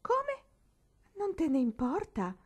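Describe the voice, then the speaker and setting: A woman voicing a small, anxious, emotional girl in a storybook reading, speaking high and excited with tearful outbursts. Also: normal speed, vocal fry, husky. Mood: agitated.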